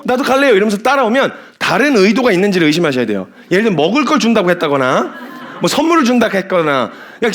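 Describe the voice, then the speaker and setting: A man preaching a sermon as a missionary, animated, laughing often and acting out the people he describes. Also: high voice.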